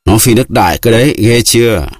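A man shouting as a brutal drunken peasant. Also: lowish voice, fast talker, breathy edge, no echo, studio quality, pitched above the performer's own voice. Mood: boastful. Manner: shouting, blustering. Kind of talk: audiobook character reading.

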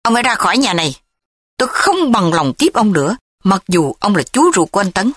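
Brief: a woman doing a young wife in a storybook reading, high, shrill, upset, dry close sound. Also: animated, moderate pace, a bit bright, no room sound. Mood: angry. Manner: raised, shrill pleading. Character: young wife, angry and distraught.

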